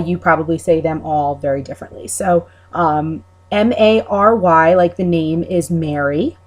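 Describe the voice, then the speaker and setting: A woman's voice: lowish voice, darkish tone. A woman with a Long Island accent, talking casually and hesitantly as she explains things in a rambling, informal way. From Long Island, New York, USA. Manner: informal, hesitant, thinking aloud. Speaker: video maker explaining her accent.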